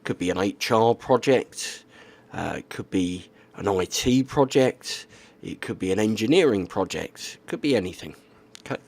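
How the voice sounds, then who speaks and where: A man's voice: fairly low pitch, expressive, moderate pace. A man explaining things in a casual, plainspoken monologue, often checking in with "okay?" and "right". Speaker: YouTuber.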